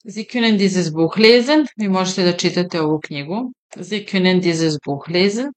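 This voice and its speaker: A woman teaching German, slowly repeating example sentences and translating them into her own language, explaining points conversationally. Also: on the low side, lively intonation. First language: Serbian. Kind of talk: slow, deliberate language lesson.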